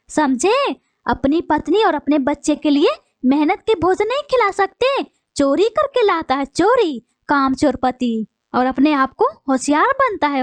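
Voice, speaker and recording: A woman's voice: sits high, no echo. A woman voicing a bossy wife bird in a cartoon, scolding and threatening her husband.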